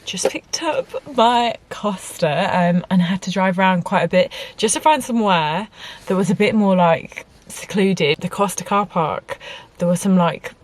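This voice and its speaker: A woman's voice: mid-range voice, a little slow. A woman in her twenties chatting casually through a Q and A from inside her car, bubbly and full of "like". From United Kingdom. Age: 20s. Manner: chatty, bubbly, peppers talk with "like". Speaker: vlogger. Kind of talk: casual chat, Q and A.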